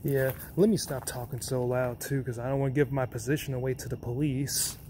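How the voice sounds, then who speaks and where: A man's voice: mid-range voice, steady tone, fairly quick, dark tone, a little hiss or hum. A man vlogging as he explores an abandoned hospital, muttering casually to himself and swearing now and then. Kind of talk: exploring narration to camera.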